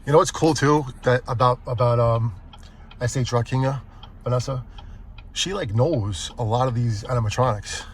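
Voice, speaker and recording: A man's voice: mid-range voice, moderate pace, a little hiss or hum. Rambling middle-aged man vlogging. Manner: rambling, many restarts and fillers. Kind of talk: casual vlog talk. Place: in and around a truck.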